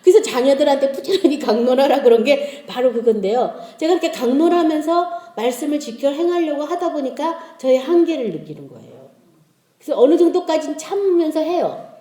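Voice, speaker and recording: A middle-aged woman shares her testimony in an echoey church hall. Her higher voice is warm and mellow and swings widely in pitch as she tells family stories with laughter. She acts out the conversations as she goes. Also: brisk. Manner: lively storytelling, acting out family dialogues with laughter. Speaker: lay speaker giving a testimony.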